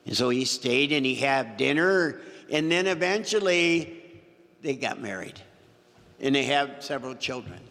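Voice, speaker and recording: A man's voice: medium pitch, lively intonation, unhurried, a bit bright. A man preaching a homily as pastor, telling a story and repeating phrases for emphasis. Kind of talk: sermon. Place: church. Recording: long church reverb.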